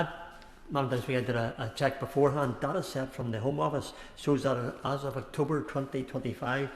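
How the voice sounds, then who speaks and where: Halting, courteous man making an echoey parliament speech. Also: medium pitch. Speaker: member of parliament. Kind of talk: parliament speech, intervening in debate. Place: large parliamentary debating chamber. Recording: echoey large chamber.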